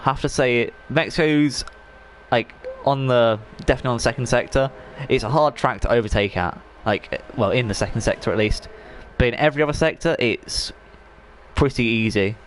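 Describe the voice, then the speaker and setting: Talking a little fast in a mid-range voice, this man rambles chattily through sim racing league commentary, often restarting and using fillers. He's losing his voice, and faint hiss or hum sits in the background.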